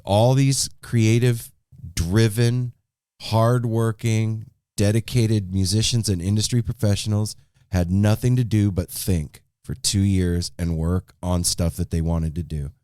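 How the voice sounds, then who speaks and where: A man's voice: fairly low pitch, steady tone, a little slow, mellow, smooth, dry recording, studio quality. A man hosting a podcast, talking earnestly and emphatically, repeating words as he builds toward his point. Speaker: podcast host. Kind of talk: casual podcast conversation.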